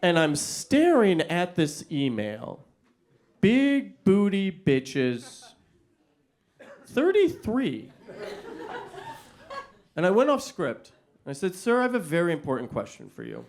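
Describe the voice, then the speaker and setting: A young man from the United States performs stand-up, and his pitch sits high and climbs and drops all over the place. He tells his stories with plenty of animation and slips into quick impressions of the people in them. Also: slight background noise. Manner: animated storytelling, acting out other people. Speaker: stand-up comedian. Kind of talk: stand-up comedy set. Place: comedy venue before a live audience.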